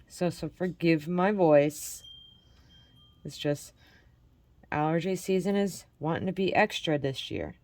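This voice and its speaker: A Michigan crafting host, her voice congested from allergies, chats and cheers viewers on as she works through a relaxed tutorial. She speaks low and somewhat mellow, animated but slow with long pauses, on a dry recording.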